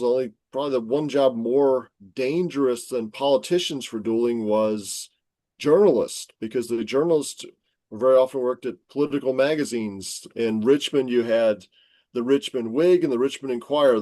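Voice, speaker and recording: Male podcast guest, mid pitch, storytelling explainer, dry close mic. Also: moderate pace, warm tone, no room sound. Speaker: guest scholar. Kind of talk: podcast interview.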